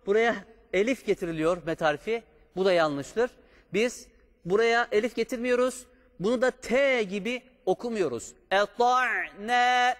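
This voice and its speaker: Male recitation teacher, high-pitched, unhurried, patient pronunciation drills, reverberant sound. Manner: slow, patient, drawn-out chanted recitation of examples. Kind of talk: step-by-step pronunciation lesson.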